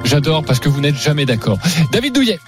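A man's voice: a little high, very animated, brisk, music in the background. A man hosting a sports debate show on the radio, introducing the topic and quizzing his panel with self-mocking asides.

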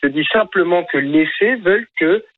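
A man's voice: high-pitched, animated, moderate pace. Hesitant male caller on a phone line. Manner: hesitant, many fillers. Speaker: radio caller. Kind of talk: phone-in chat.

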